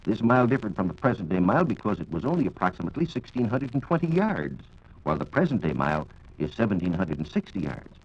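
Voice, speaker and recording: Dull, lo-fi audio captures a 1940s American radio science reporter fielding listener questions in precise, formal, scripted language. His voice sits lowish, with a breathy edge, and he talks fast and very animatedly.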